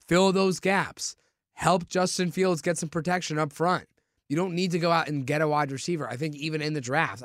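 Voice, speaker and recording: A man's voice: on the high side, dry recording, clean studio sound. A man co-hosting a casual sports talk show, building his points with stammered restarts. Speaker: sports podcast co-host.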